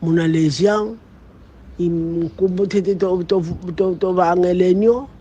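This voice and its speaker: High-voiced man reading haltingly over a dull line. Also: fairly even intonation, warm tone, a little hiss or hum. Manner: halting reading with repeated restarts. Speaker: student reading aloud.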